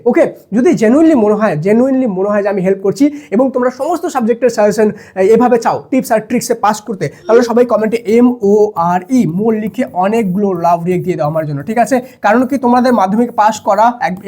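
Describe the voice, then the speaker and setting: A young man teaching students quick exam tricks as a math tutor. He keeps checking in with "okay?" and answers questions he voices for the students himself. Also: very high voice, dark tone. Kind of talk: fast exam-tips lesson to students.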